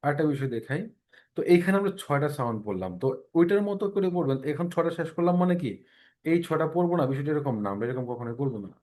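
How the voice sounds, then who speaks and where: A man's voice: on the high side, expressive, rapid-fire, a little mellow. Man teaching pronunciation in an online class. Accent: Bangladeshi Bengali. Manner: explanatory, asks students checking questions.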